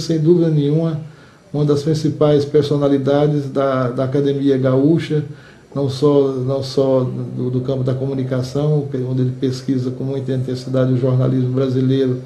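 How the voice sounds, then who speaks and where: An older man with a Brazilian Portuguese accent, the outgoing head of an association, answers formally and deliberately, with some repeated words. His mid-range voice is warm, with a flat delivery.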